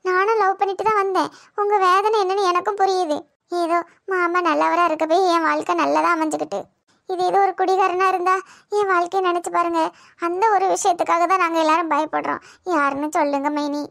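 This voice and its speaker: A woman's voice: extremely high pitch, steady tone, fairly quick, vocal fry, a bit bright, dry recording, studio quality, full character voice. A woman voicing a soothing young sister-in-law. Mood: coaxing. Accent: Tirunelveli Tamil. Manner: soothing, coaxing. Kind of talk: cartoon voice acting.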